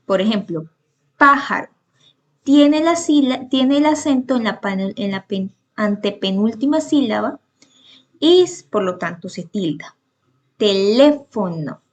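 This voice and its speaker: A woman's voice: medium pitch, a little mellow. A woman teaching a spoken grammar lesson, patiently explaining rules with many examples and occasional restarts.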